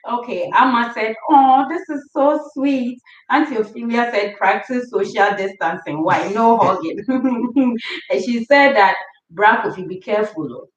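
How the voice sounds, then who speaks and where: A woman hosting a family livestream, reading viewer comments aloud and laughing often in a warm, affectionate way. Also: on the high side, measured pace. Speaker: livestream host. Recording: roomy, distant, dull sound.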